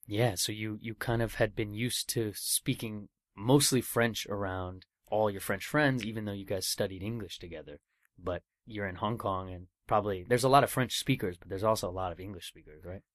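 A man's voice: fairly low pitch, normal speed, dry recording, clean studio sound. A man hosting a radio show, interviewing a guest in a friendly, joking, encouraging way. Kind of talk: casual interview chat.

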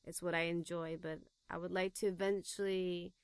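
Young woman, from Taiwan, interview guest, low gravelly voice, relaxed. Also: moderate pace, dry recording. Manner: relaxed, laughs easily. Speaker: guest filmmaker. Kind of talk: casual interview chat.

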